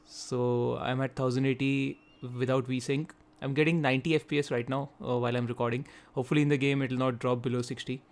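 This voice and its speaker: Guy doing a first-look gameplay commentary, talks fast and kinda thinks out loud as he plays. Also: mid-range voice, level tone. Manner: chatty, thinking aloud while he plays; quick talker. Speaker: gaming video host.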